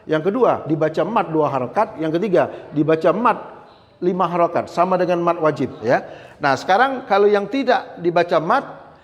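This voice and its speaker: A male teacher giving a religious lesson on Quran recitation rules, explaining step by step, often adding a checking "ya" and slowly chanting the recitation examples. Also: high voice, animated. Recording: long reverb.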